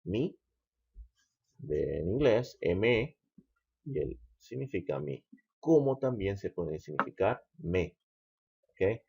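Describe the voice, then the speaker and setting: A man teaching English grammar, slow and patient, checking in with the listener again and again. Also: deep voice, sing-song, creaky, mellow, breathy edge, highs cut off. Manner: slow, patient, repeats "¿ok?" often. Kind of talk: explaining grammar.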